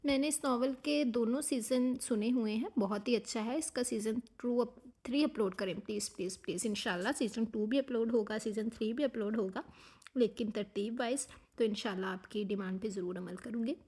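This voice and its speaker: A woman with a sore, hoarse throat, chatting casually as a channel host while reading viewer comments, slipping English phrases into her speech. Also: fairly high pitch, brisk, dark tone. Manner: talks while eating. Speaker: novel narrator and channel host.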